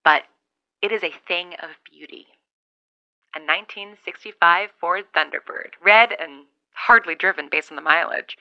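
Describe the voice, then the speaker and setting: A woman's voice: on the low side, moderate pace, no echo. An actress playing a lone woman survivor keeping a log over a CB walkie-talkie, wry and rambling as she thinks aloud, in an audio drama monologue. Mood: musing. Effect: talking over a CB walkie-talkie radio. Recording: dull lo-fi radio sound.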